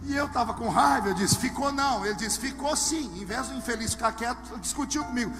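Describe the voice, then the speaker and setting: A man preaching a sermon to a live congregation, telling humorous stories and swinging from hushed asides to shouted lines. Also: very high voice, fast. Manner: humorous storytelling. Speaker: pastor. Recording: long hall reverb with music underneath.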